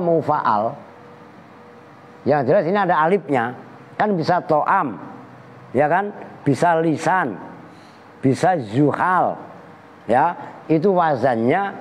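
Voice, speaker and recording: A man teaching a religious text at an Islamic boarding school, his voice sitting somewhat high. He jokes animatedly, mimics animal sounds and chants Arabic verses slowly. A long hall echo trails his words over a faint background hum. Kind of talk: kitab lesson with Arabic recitation. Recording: long reverb with faint ambient noise.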